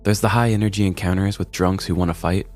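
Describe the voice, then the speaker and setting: A man with a low, darkish, steady voice narrates a scripted comedic story for a podcast in a wry, mock-serious style. He talks fast over a background music bed.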